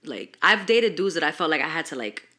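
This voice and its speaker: A young woman chatting casually and candidly as a podcast guest, animated, slangy and swearing freely. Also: low voice, a little fast.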